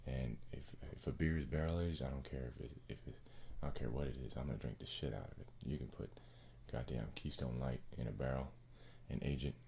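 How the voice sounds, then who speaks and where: A man with an exceptionally deep, hushed voice full of gravelly creak. He rambles softly and casually as an ASMR host, halting and slangy. A faint-to-clear hiss sits behind him. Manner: laid-back, halting, slangy and profane. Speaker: ASMR video creator and host. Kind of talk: soft-spoken ASMR, casual rambling chat.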